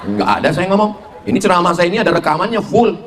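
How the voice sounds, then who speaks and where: A middle-aged man giving a humorous sermon to a congregation, animated and full of mimicry. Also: fast, slight background noise. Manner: animated, mimics voices for jokes, shifts between high and low pitch. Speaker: Islamic preacher.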